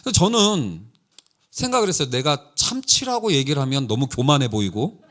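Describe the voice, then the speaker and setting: A middle-aged man preaching a sermon in a church, telling stories with lively quoted dialogue. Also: mid-range voice, brisk. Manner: animated storytelling with quoted dialogue. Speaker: pastor. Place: church sanctuary.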